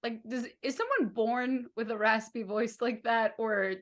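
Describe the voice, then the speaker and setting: A woman co-hosting a music podcast, joking playfully in casual chat, her voice going high when she gets excited. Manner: playful, laughing, quick to joke. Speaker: podcast co-host.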